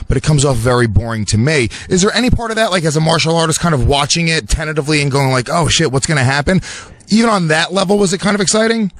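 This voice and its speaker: A man co-hosting a podcast, asking long, rambling, hedging questions full of fillers in casual chat. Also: mid-range voice. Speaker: podcast co-host.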